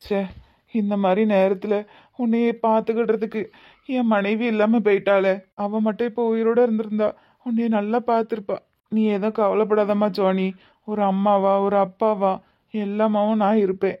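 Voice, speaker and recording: A woman voicing a kindly widowed father-in-law who speaks gently and coaxingly, in a Tirunelveli Tamil accent. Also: mid-range voice, little pitch movement, normal speed, lightly acted. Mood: gentle, coaxing. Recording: slightly muffled lo-fi audio.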